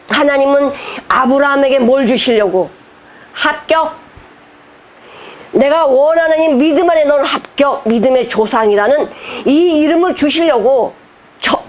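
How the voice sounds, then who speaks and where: Impassioned woman pastor preaching. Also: sits high. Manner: impassioned preaching, voice catching with emotion; rhetorical questions to the congregation. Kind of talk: sermon.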